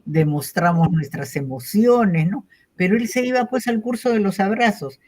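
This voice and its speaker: A woman with a Peruvian accent giving an online lecture in a warm, reflective way, often closing phrases with a questioning tag. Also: mid-range voice, moderate pace. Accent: Peruvian Spanish, from Callao. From Peru. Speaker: invited lecturer. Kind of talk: online conference talk.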